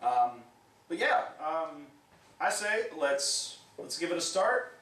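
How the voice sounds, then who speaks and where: A man's voice: fairly high pitch, sing-song, slow pace, fairly bright tone. Laid-back joking man in an echoey room. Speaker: co-host of a beer review show. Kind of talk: casual chat. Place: home room. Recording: echoey room, mic at a distance.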